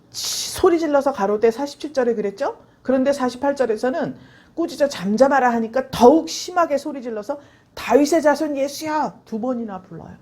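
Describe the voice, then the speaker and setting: Husky-voiced woman preaching a sermon. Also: fairly high pitch. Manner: lively preaching, acting out Bible voices and asking the congregation. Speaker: pastor. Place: church.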